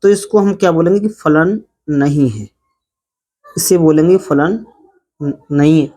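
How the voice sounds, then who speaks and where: Here a woman teaching maths speaks in a low, dark voice at a measured pace. Explaining the lesson to her class, she repeats things, lengthens key words to stress them, and often asks "ठीक है" or "है ना" to check in.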